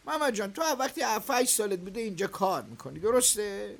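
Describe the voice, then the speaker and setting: A blustery, irritable factory boss. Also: male voice, high-pitched, expressive, gravelly, heavily acted. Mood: earnest. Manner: blustery, scolding, quick to flare up. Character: irritable male factory owner, middle-aged boss. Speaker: factory owner. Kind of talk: radio drama acting.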